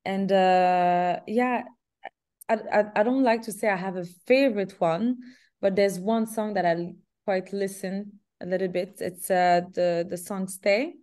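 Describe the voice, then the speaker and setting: Mellow-voiced young woman from Canada, halting video-call interviewee. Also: medium pitch, steady tone. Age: young adult. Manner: hesitant, restarts often, laughs softly. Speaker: singer interviewee. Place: small room indoors. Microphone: laptop webcam on video call.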